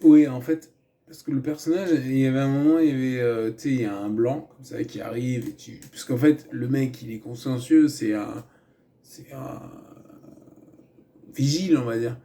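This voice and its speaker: Man, casual rambling film review, mellow tone, lots of fillers and restarts, chatty asides. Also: mid-range voice, moderate pace.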